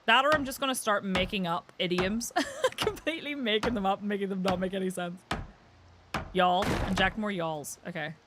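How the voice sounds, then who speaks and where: A woman's voice: mid-range voice, normal speed. A woman with an Irish accent chatting casually on a live game stream, rambling with lots of filler words. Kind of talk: casual live-stream chat while gaming. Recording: clear background noise with clicks.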